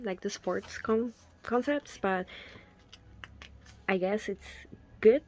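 Slow-talking gushing young woman. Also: medium pitch. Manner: gushing, breathy gasps and soft whispered asides. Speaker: fan unboxing a photobook. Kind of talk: casual unboxing commentary.

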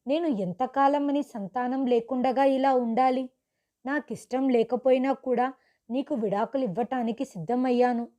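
A woman's voice: high voice, steady tone, normal speed, dark tone, close to an everyday voice. A woman voicing a bitter middle-aged husband who speaks bluntly and reproachfully in a read-aloud story. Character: bitter husband, a man in middle age, set on divorce.

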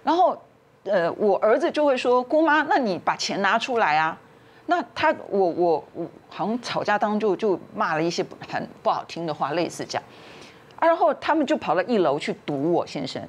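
Lively woman telling a family story. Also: medium pitch, a little fast, husky. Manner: lively, acts out the quarrels in raised voices. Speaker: talk show guest. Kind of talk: animated storytelling on a talk show.

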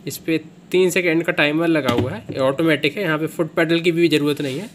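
A man with a slightly high, fairly even voice talks briskly over a noisy background in a small indoor room. He's a seller demonstrating a product on camera, chatting casually with lots of fillers, asking himself "kya" again and again and correcting himself.

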